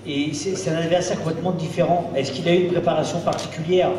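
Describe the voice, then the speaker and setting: A man, a sports commentator, asking a press conference question in halting, stumbling phrases. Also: fairly high pitch, steady tone. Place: echoey press conference room. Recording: echoey hall, distant mic, background noise.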